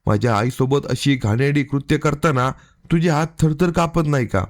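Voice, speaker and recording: A man's voice: medium pitch, normal speed, lightly acted. A man voicing an angry young wife who hurls accusations, in a narrated crime story. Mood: accusing. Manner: shouting accusations.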